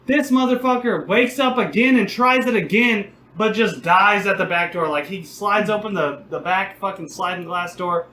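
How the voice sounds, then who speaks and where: A young man with a forceful, slightly high voice tells a rambling story in casual podcast chat, cursing freely as he goes. His delivery is loose and animated. The room rings with a hollow echo, and faint noise hums underneath. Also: moderate pace, hardly any pauses. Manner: rambling, profane, animated retelling. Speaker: podcast co-host.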